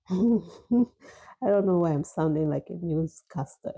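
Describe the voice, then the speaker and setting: A middle-aged woman with a Nigerian accent talks casually to her viewers between bites. Her voice is very dark and husky with a gravelly edge. She rambles warmly, restarting her sentences. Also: low-pitched, no echo, poor audio. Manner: chatty, laughs often, drawn-out restarts. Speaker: emergency nurse vlogger. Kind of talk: casual chat while eating.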